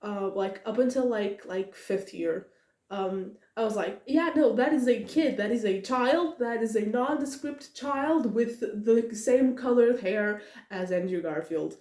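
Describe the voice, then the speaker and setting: Unhurried and a little high-voiced, a young woman rambles about a book for a podcast, the room audible in the sound. She keeps giggling, stumbling into "uh"s and restarts, and darting off into excited asides.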